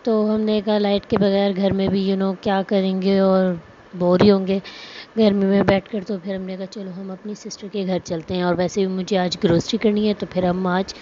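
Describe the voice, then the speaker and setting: A woman's voice: mid-range voice, little pitch movement, normal speed, mellow. A young woman, chatting casually through a vlog, with many fillers and asides. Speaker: vlogger. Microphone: phone. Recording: muffled phone audio with background noise.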